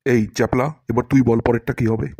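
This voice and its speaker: A man's voice: mid-range voice, flat delivery, fast talker, a little mellow, dry recording, lightly acted. A man voicing a boastful, pompous male English teacher in a cartoon, scolding his pupils and acting out each word theatrically.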